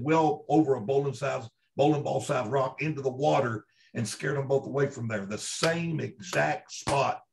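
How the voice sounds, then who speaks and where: Man, Kentucky accent, somewhat high pitch, conversational storyteller, folksy, emphatic repetition, interview guest. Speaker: interview guest, Bigfoot researcher. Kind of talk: conversational first-hand storytelling.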